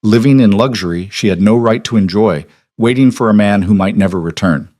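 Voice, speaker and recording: Low-voiced male storybook narrator. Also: brisk, darkish tone. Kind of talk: scripted audiobook narration.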